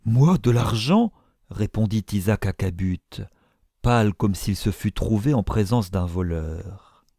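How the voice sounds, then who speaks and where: A man narrating a classic novel as an audiobook, in an expressive, measured storytelling manner. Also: sits low, no echo, clean studio sound.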